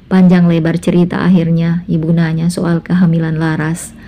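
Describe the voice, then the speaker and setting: Lady reading a casual self-assured husband, low-ish, mellow. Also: completely flat delivery, normal speed, natural voice.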